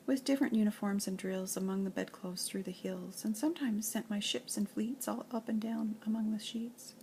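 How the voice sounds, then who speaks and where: A grandmother with a mid-range voice reads nursery rhymes and children's poems aloud at a moderate pace, in an expressive, playful sing-song style.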